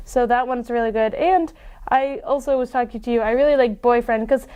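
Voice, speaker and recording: A young woman co-hosts a music podcast in a chatty, agreeable way. She uses "like" often and keeps agreeing with her partner, and her voice sits a little high. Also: a little fast, warm tone, clean tone. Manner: chatty, lots of "like" and agreeing "yeah". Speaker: podcast co-host. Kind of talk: casual music podcast chat.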